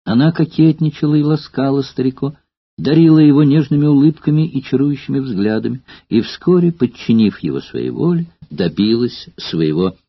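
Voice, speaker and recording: A man narrating a novel in a measured, expressive audiobook reading. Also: mid-range voice, slightly rough, dry recording. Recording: slightly dull lo-fi recording.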